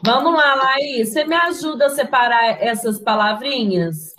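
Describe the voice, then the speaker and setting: A woman's voice: high-pitched, moderate pace, a bit bright, poor audio. A woman with a Brazilian Portuguese accent teaching young children in an online class. She is patient, spells words out syllable by syllable and asks the class questions. Her voice comes through a video call from a computer. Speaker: primary school teacher.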